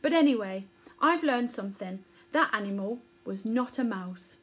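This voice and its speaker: A woman's voice: a little high, expressive, normal speed, fairly bright tone, slightly rough. A woman voicing a polite, curious young male baby elephant in a storybook reading. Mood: earnest. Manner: polite, earnest and innocent.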